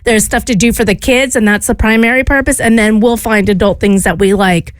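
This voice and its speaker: A woman radio co-host and mother, originally from England, chatting in an animated, joking, self-deprecating way. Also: a little high, a little fast, no room sound. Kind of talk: casual talk radio chat. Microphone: studio microphone.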